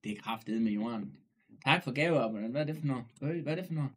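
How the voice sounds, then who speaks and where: A man streaming live, chatting casually and loudly, joking, swearing and greeting viewers by name. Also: mid-range voice, breathy edge.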